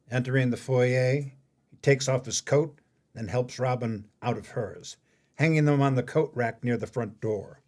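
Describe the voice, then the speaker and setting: A man serves as narrator, reading scripted announcements and stage directions formally and with measure. His voice sits at medium pitch and is a little mellow.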